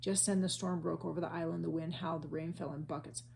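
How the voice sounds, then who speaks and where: Low gravelly woman reading a storybook. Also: fast talker, a little hiss or hum. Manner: steady, clear storytelling. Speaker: children's book reader. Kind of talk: reading a children's book aloud.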